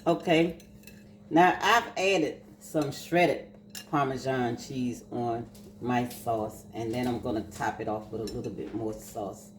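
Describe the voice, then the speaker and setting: A woman's voice: extremely low pitch, slow, slight background noise. An older woman chatting through a casual home cooking vlog, savoring her food with hums. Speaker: cooking vlogger. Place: home kitchen. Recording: echoey kitchen with clattering dishes.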